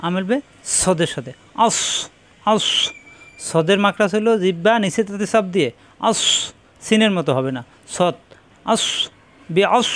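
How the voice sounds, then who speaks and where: A man's voice: high voice, smooth. A man teaching Quran recitation, patiently spelling out syllables and explaining where each sound is made. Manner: patient, repeats syllables slowly and explains mouth positions; slow drawn-out chanted recitation. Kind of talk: slow spelling-out recitation lesson.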